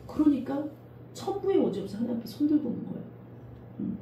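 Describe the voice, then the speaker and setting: A middle-aged woman pastor delivers a lively sermon, her voice leaping high and low. Her tone is dark and mellow, and she sits somewhat back from the mic. The sound carries the echo of a church room, with a faint hiss underneath. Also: quick pace. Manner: animated preaching, often acts out quoted voices. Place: church sanctuary. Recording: echoey church room from a distance, faint noise.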